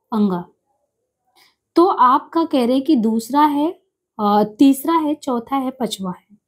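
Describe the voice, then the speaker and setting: A woman teaching an exam-prep grammar lesson, explaining step by step and repeating each sound and letter slowly. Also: on the high side, a little mellow, slightly rough.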